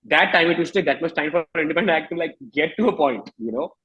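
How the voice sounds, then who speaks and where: His voice runs high and expressive with a slight roughness, and the upper frequencies are cut off. He's an Indian-accented man in his thirties, sharing frank reflections as an interview guest while often pausing and reformulating.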